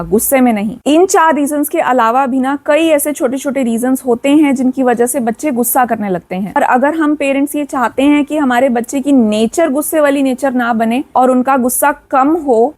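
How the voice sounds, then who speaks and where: A woman hosting a parenting advice channel, talking earnestly to camera, repeating key points and mixing in English words. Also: high voice. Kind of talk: direct-to-camera advice talk.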